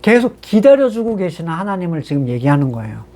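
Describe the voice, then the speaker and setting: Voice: medium pitch, sing-song, fast, darkish tone. A pastor giving a sermon in a conversational way, reading scripture passages aloud and then explaining them with rhetorical questions to the congregation.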